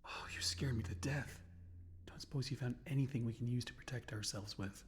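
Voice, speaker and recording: A wary, weary survivor in a horror game, played by a male actor. He speaks at an average pitch in a hushed, plainspoken way. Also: fairly even intonation, normal speed, whispered, close to an everyday voice. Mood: nervous, relieved.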